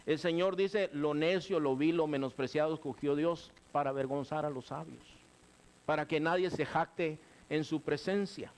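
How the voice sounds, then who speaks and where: A middle-aged male pastor, preaching a sermon with lively, conversational asides. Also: on the high side, moderate pace. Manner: animated preaching, keeps saying "hermano", acts out quoted voices.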